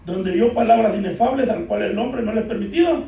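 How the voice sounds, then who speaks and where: A man's voice: high voice, a little fast, creaky, mellow. A man preaching a sermon to a congregation, repeatedly calling out "beloved brothers" and asking them to answer back. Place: church. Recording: echoey church hall, distant from mic.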